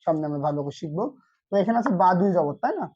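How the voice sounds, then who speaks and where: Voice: medium pitch, animated, racing, dark tone, breathy edge, dull audio. A Quran reading teacher giving an online lesson, asking short questions and answering them himself.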